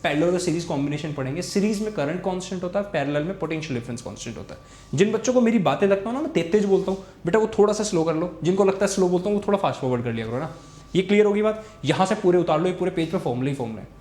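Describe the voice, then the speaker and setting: Young male tutor, rapid and insistent, bright pitch, recorded in an echoey room. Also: expressive. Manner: repetitive, urging students to pay attention. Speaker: physics teacher. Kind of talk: fast Hindi tutoring lesson with board writing. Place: room, recording a class video.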